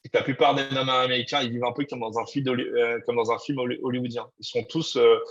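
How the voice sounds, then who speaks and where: A man's voice: medium pitch, flat delivery, fast talker, lo-fi sound. A man giving advice in a webinar talk, speaking with many fillers and restarts. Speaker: export expert speaker.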